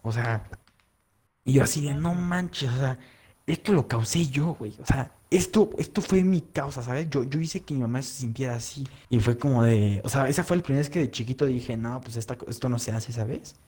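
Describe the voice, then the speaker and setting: A man with a Mexican accent telling a story in casual chat, animated and full of slang, acting out voices as he goes. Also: mid-range voice, moderate pace, breathy edge. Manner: animated, heavy slang, acts out voices in anecdotes.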